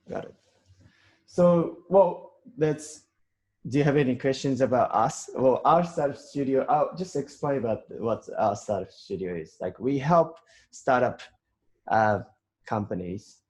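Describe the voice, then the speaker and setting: A Japanese man with a slight New Zealand accent interviews a guest in English, casually and hesitantly, with many fillers and restarts. His voice sits at medium pitch with a darkish tone.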